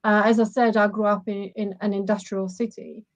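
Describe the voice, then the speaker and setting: A woman's voice: medium pitch, level tone, brisk, dry recording, highs cut off. Reflective woman. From Czech Republic. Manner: reflective, hesitant with many fillers. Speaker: guest photographer. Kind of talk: casual interview.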